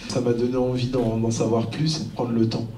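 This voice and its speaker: Dark-voiced man heard far in a hall. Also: medium pitch, flat delivery, fairly quick. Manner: hesitant, searching for words. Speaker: panel guest, rap artist. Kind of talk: live panel discussion. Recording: roomy hall from a distant mic.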